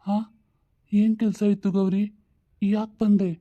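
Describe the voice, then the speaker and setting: A woman voicing an ailing old father, weary and longing for his late wife, speaking slowly and pleadingly. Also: medium pitch, little pitch movement, lo-fi sound, lightly acted.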